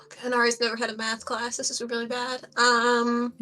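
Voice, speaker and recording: Higher-voiced young woman player, chatty and giggly, faint music behind. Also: monotone, normal speed, bright, forceful tone, poor audio. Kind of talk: casual tabletop play.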